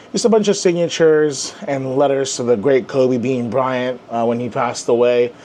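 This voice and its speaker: A man's voice: medium pitch, darkish tone, slight background noise. A young man giving a casual desk tour in a chatty, rambling way with lots of fillers. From Filipino heritage. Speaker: comic channel host.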